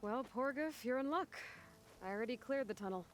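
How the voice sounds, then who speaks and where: A woman's voice: on the high side, animated, a little fast, faint music behind, close to an everyday voice. An actress playing a determined young female adventurer in a video game, direct and dryly probing. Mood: dry, businesslike. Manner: direct, questioning, dry. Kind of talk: video game character acting.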